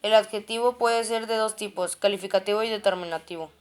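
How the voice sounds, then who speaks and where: A woman's voice: mid-range voice, steady tone, fairly quick. A woman reading grammar study notes aloud, stepping through terms and definitions and often restarting words.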